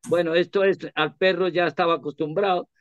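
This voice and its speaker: Man with a higher voice, chatty storyteller. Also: brisk, dry recording, highs cut off. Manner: animated, rambling, many restarts. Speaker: interview guest, performer. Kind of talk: casual anecdotal storytelling. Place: radio studio.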